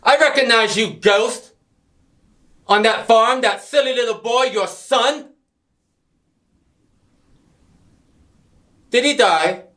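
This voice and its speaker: A man acting a sadistic, taunting British army colonel in a scene study, shouting some lines and murmuring others, heard from across the room. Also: steady tone, fairly quick, far from the mic. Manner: shouted taunts, then low menacing murmur. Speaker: acting student. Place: acting class studio.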